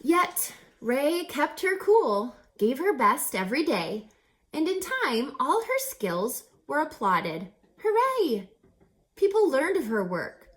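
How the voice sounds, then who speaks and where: Taking it slowly, a woman with a high-pitched, very animated voice reads a children's story aloud like a teacher. She's dramatic and emphatic, putting rhetorical questions to her audience between teacherly asides.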